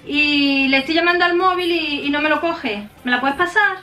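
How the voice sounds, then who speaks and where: A woman's voice: high-pitched, moderate pace, pushed and bright. A middle-aged woman chatting casually and playfully in a bedroom, a little away from the microphone. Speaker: mother co-hosting a prank video. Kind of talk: casual chat. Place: small bedroom, indoors. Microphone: camera a short distance away. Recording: echoey bedroom, distant mic, faint music.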